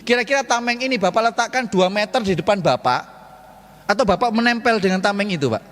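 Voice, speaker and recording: A man preaches to a mosque congregation in a playful, joking way, asking questions and then answering them himself. His voice sits a little high for a man. It rings with the long reverb of a large hall. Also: lively intonation, fast talker, a bit bright. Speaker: ustadz giving a mosque study talk. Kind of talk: lively sermon with jokes to the congregation.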